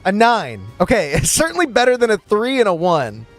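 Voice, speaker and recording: A man narrating a live-streamed tabletop game as game master, chatty and quick to laugh, with lots of fillers. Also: high voice, wildly swooping pitch, faint music behind.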